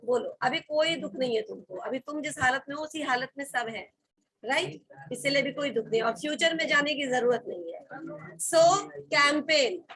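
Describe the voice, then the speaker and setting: A woman's voice: high-pitched, expressive, normal speed, pushed and bright, poor audio. A woman with an Indian accent teaching a college vocabulary class, speaking firmly and spelling words out letter by letter. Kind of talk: classroom lesson mixing Hindi and English.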